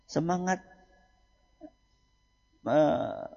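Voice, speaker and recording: A male Islamic preacher, giving a lecture, quizzing his audience and answering himself, dropping quiet then rising loud for emphasis. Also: fairly high pitch, steady tone, very slow. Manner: asks the audience questions and answers them himself. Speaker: Islamic preacher teaching a book study. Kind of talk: religious lecture. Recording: muffled hall recording.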